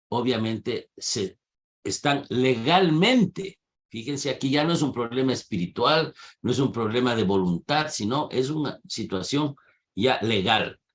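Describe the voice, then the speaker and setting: A male lecturer teaching over a video call. He talks in a didactic way, asking his students questions and pressing on their answers. His voice sits in a middle pitch. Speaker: university lecturer. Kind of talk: online class lecture with questions.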